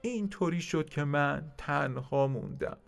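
Brief: sad, shy horse-leopard creature, put on by a male narrator, higher and gravelly. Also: soft background music. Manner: timid, plaintive.

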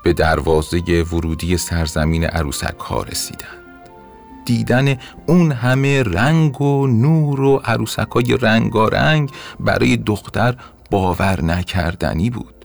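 A man narrating a bedtime story in a gentle, expressive way. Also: lowish voice, gravelly. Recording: soft music under narration.

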